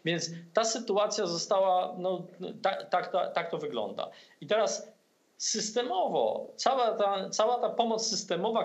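Higher-voiced Polish man on a video call. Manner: hesitant, many fillers and restarts. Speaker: political commentator guest. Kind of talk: video-call political discussion. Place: room at home. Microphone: laptop webcam on video call.

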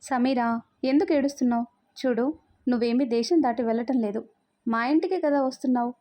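A woman's voice: fairly high pitch, a little fast, dark tone, natural voice. A woman storyteller voicing a playful, affectionate young groom in a spoken story.

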